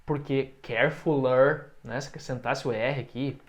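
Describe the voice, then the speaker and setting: Brazilian man teaching English slowly. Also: mid-range voice, fairly even intonation. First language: Portuguese. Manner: slow careful model phrases for repetition. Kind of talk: online language lesson.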